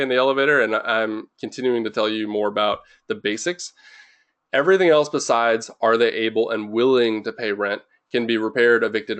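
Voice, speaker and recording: A man's voice: fairly low pitch, a bit bright. A young man hosting a webinar in an informal, rambling way, full of fillers and restarts, a little jittery from too much caffeine. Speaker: webinar host.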